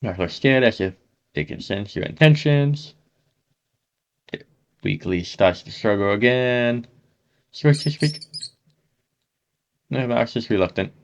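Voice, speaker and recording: A man reading a horror text game aloud as a gaming host, saying the sound effects out loud as he goes. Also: medium pitch, a little slow, long pauses, muffled recording. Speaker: gaming YouTuber.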